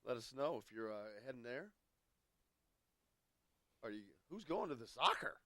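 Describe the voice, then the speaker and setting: A man with an American Midwest accent hosting a sports radio show while he has a cold, arguing his points in lively, joking banter. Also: mid-range voice, normal speed, no room sound. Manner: animated, argumentative, jokey.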